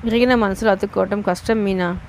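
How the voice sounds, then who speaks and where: A woman's voice: medium pitch, steady tone, brisk, a little mellow, a little hiss or hum, close to an everyday voice. A woman reading as a stubborn young man. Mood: guarded. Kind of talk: audiobook reading.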